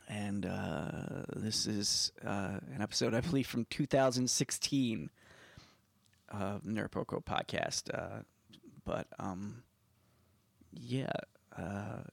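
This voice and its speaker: A man hosting a podcast in casual, unscripted talk, haltingly and often repeating words as he goes. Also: mid-range voice, vocal fry, no room sound. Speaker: podcast host.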